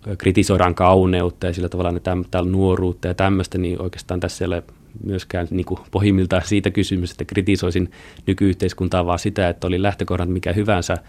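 A man's voice: sits low, monotone, a little mellow. A man talking casually and hesitantly in an interview, with colloquial fillers and restarts. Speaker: author.

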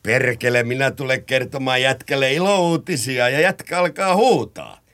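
An actor playing a drunk, sly blackmailer in an old radio drama, taunting and mocking. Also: male voice, mid-range voice, a bit bright, natural voice.

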